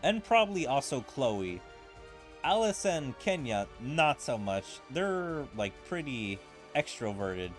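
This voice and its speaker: Very animated yet unhurried, this man's mid-range voice carries over faint background music. As a gaming video host, he muses through casual let's-play commentary, reads game dialogue aloud and drifts into filler-heavy asides.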